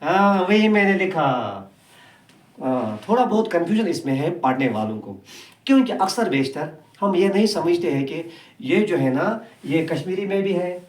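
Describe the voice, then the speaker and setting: Man, kashmiri accent, slightly high voice, teacher drilling sounds, echoey room, distant mic. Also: lively intonation. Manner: repeats sounds slowly, asks and answers himself. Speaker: Urdu teacher. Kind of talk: classroom lesson.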